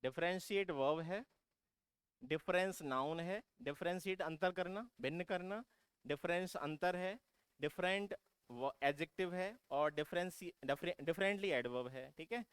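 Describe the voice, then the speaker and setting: A man teaches exam-prep vocabulary in a repetitive, drilling way, asking his students questions, answering them himself and calling them "beta". His high-pitched voice is unhurried, a bit bright and clean, recorded with clean studio sound and no echo.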